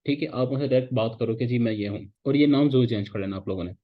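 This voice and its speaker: A man lectures students in a relaxed, conversational way. He repeats points and keeps checking that they follow. His voice sits at an ordinary middle pitch, and the recording sounds a little dull and lo-fi. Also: very fast. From Pakistan. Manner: casual, repetitive teaching, often checks in with "theek hai". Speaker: instructor. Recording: slightly dull, lo-fi audio.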